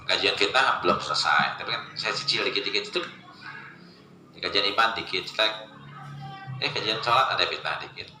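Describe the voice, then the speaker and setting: A man giving a casual religious study lecture, joking and animated, mimicking voices as he quotes people. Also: low-pitched, fairly quick, pauses often, faint music behind. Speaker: Islamic preacher. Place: lecture space with a live gathering. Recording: echoey room with ambient noise.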